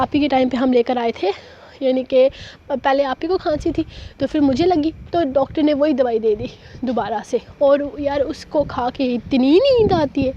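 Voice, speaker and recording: A woman's voice: sits high, mellow. A young woman with a cough hosting and reading a novel aloud in a chatty, rambling, informal way, in a slightly muffled recording with a faint hum. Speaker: novel reader and YouTube host. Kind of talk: chatty vlog intro and story reading.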